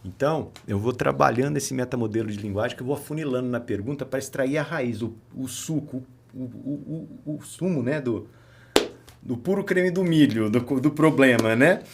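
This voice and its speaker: A man's voice: medium pitch, moderate pace, vocal fry. A man with a Brazilian accent hosting a casual podcast chat as a therapist, telling stories and acting out his talks with patients. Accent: Brazilian Portuguese. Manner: animated storyteller, acts out dialogue with patients.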